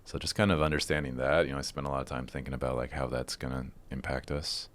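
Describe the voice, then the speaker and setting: A man's voice: very deep voice, flat delivery, fast talker, fairly bright tone. A man speaking as a podcast guest, chatting informally and often saying "like" and "you know". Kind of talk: casual interview chat.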